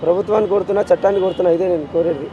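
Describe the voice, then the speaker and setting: A distraught man with a Telangana Telugu accent talks quickly in a raised, high register, his voice dark and mellow. He repeats himself insistently and emotionally, pleading in a street interview. Faint street noise sits behind him. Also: fairly even intonation, highs cut off. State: distraught with grief. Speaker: interviewee, grieving father.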